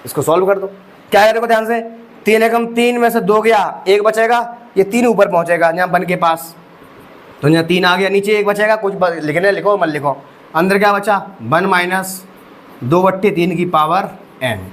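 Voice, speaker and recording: At a normal speed and with a high voice, a young man gives an exam-prep maths lecture. He explains each step, uses rhetorical questions, and refers to students as "bhai sahab."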